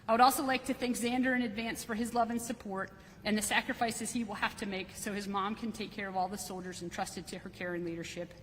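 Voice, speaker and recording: A woman's voice: mid-range voice, fairly even intonation, fast talker. A woman delivering a prepared, formal podium speech as a military leader welcoming people at a ceremony. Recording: reverberant hall, faint background noise.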